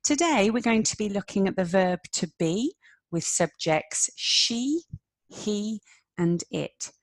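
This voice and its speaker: A woman teaching English to beginners, speaking slowly and clearly and repeating each word. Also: mid-range voice, lively intonation, no room sound. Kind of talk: slow, clear beginner lesson with repetition.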